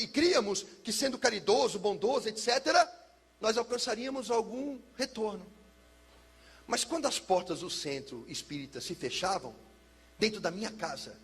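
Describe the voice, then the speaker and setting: Pastor guy, middle-aged, high raspy fry-heavy voice, telling his testimony all dramatic. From São Paulo, Brazil. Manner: dramatic storyteller, drops low and soft for heavy moments. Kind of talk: personal testimony sermon.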